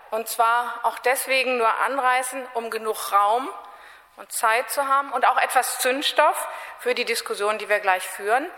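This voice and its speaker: A woman's voice: fairly high pitch, pushed and bright. Woman lecturing in a reverberant hall. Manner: measured, with deliberate pauses and self-corrections. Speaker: speaker giving an introductory talk. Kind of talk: formal lecture before a panel discussion. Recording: long reverb of a large hall.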